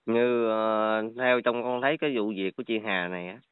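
A man, talking politely and haltingly in casual phone chat. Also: on the low side, clear, resonant tone, no room sound. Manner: polite, hesitant, many restarts. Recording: dry tinny phone line.

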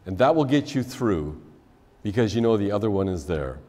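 An older man officiating a wedding, preaching in a measured way with a lively, rising and falling pitch. His phrase endings sink softly, and a long church reverb trails behind every line. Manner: measured preaching, soft drop at phrase ends. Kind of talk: wedding sermon. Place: church sanctuary, indoors.

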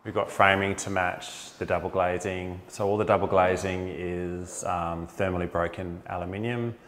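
A man's voice: sits low, fairly even intonation, moderate pace, a bit bright, slight background noise. An enthusiastic Australian architect in his forties, walking through a house with a clip-on mic and talking casually with plenty of fillers. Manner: enthusiastic, upbeat, with frequent fillers. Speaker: architect giving a house tour. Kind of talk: casual walkthrough narration. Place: inside and around a large suburban house.

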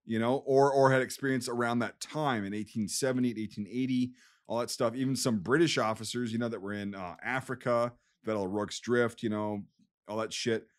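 Male podcast co-host, Wisconsin accent, mid-pitched voice, emphatic, sweary explainer in casual history chat. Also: fairly even intonation, brisk. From Wisconsin, USA. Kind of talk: casual war history discussion.

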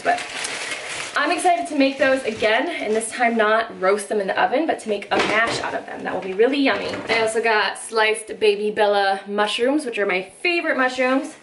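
A woman's voice: on the high side, fairly bright tone, a little hiss or hum. A young woman filming a casual grocery haul vlog in her home kitchen, talking to the camera in an upbeat, chatty way full of "like" fillers. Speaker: vlogger.

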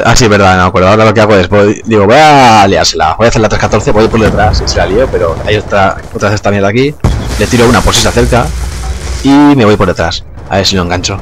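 Casual gameplay commentary comes from a low-voiced young man, a gaming YouTuber who is chatty and laid-back, cursing offhandedly and laughing a lot. Behind him, in-game gunfire and explosions make the recording noisy.

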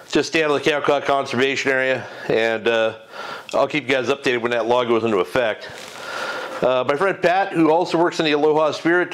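Standing before a green screen in his garage at home, a middle-aged man delivers a casual fishing report into a lapel mic. His mid-range voice is a bit bright, and he rambles freely, full of fillers, restarts and corrections.

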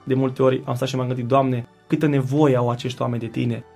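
A man, a singer and guest, giving an earnest, reflective faith testimony in a studio interview, pausing and restarting as he recalls. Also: mid-range voice, flat delivery, vocal fry, darkish tone, soft background music.

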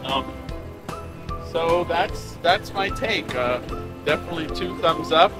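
A middle-aged man hosts a casual gear demo outdoors, projecting loudly over an idling truck engine. His voice sits a little high for a man and is picked up by a camera a few steps away, with clear music mixed in. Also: animated, slow pace. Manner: raised voice, shouting over a running engine. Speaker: host of an RV camping channel reviewing gear. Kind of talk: casual product demonstration. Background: running truck engine, music.

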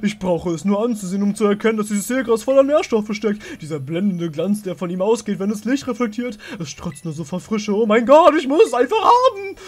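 A man voicing a hearty, excitable older chef from a video game in a dramatic, exclamatory manner. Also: high-pitched, fairly quick, hardly any pauses. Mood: astonished, dramatic. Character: big, bald, excitable older male chef and gym leader. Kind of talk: video game dialogue read aloud.

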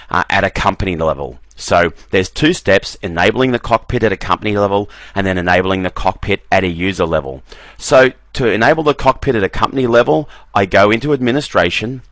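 Low-voiced man narrating a software demo. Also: no echo. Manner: relaxed, repeats "very, very" often. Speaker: software trainer. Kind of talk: screen-recorded software walkthrough.

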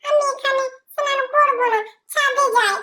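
A woman's voice: normal speed, sharp tone, full character voice. A woman voicing a playful little boy god who whines and giggles about a cold bath, in a doll role-play vlog. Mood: complaining. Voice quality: high childish squeal, giggly. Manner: whiny and pleading, breaking into giggles.

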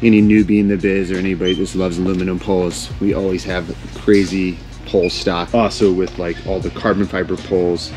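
A man's voice: sits low, level tone, a little fast, few pauses, a little mellow, faint music behind. A man in his thirties hosting a casual, upbeat walk-through tour of a large warehouse on a lapel mic. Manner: upbeat, enthusiastic. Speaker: vlog host.

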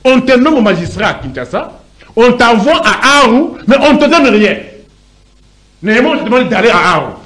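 A man's voice: extremely high pitch, very animated, moderate pace, a bit bright. A middle-aged man, an indignant, emphatic panelist in a heated studio debate who stumbles over repeated words. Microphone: desk microphone.

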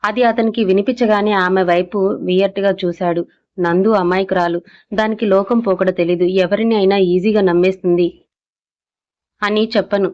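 A woman's voice: mid-range voice, steady tone, normal speed. A woman reading a romantic serial story aloud as narrator, voicing the characters' dialogue in her own voice with little change. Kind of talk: scripted audiobook narration. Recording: slightly dull lo-fi audio.

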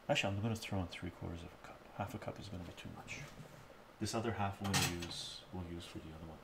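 Cooking at home on a live stream, a middle-aged man keeps up casual chat with his viewers and often asks "right?". His voice sits low, heavy background noise is present, and he moves toward and away from the fixed camera mic.

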